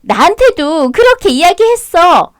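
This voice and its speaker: A woman voicing an obsessive, clingy mistress in her forties who talks in a shrill, indignant, bossy way. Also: very animated, unhurried, no echo, clean studio sound, full character voice.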